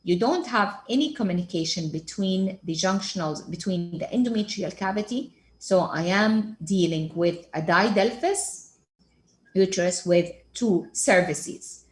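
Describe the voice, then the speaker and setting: A woman's voice: medium pitch, animated, a little slow. A woman giving a radiology lecture over case slides. She asks herself questions and then answers them as she walks through each image step by step. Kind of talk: case-based teaching lecture.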